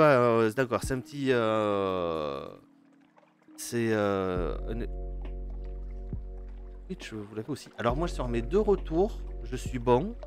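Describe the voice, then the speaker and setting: A man streaming a game live, hesitant and full of fillers, chatting with his viewers and reading game text aloud. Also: mid-range voice. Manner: hesitant, many fillers and restarts, chats with viewers.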